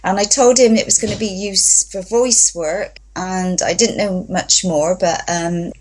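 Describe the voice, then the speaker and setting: A woman's voice: mid-range voice, steady tone, measured pace, a little mellow, rough recording. A woman from England, a voice therapy practitioner, telling her story as a guest in an interview in a chatty, enthusiastic way. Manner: chatty, enthusiastic, acts out quotes.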